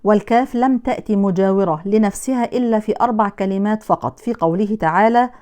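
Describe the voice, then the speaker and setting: A woman teaching Quran recitation, explaining in a measured way how each letter is pronounced and contrasting correct and incorrect forms. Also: medium pitch, darkish tone. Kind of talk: Quran pronunciation lesson.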